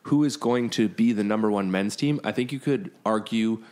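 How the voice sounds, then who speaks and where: A man guesting on a podcast with a somewhat low voice. He talks in a chatty, quick, self-correcting way. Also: a little mellow. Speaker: podcast guest, beach volleyball player. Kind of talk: casual chat.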